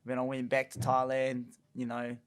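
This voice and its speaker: A man's voice: mid-range voice, completely flat delivery, normal speed, smooth. Laughing New Zealand man telling stories. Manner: chatty, laughs often while telling stories. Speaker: guest boxer. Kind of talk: casual podcast interview.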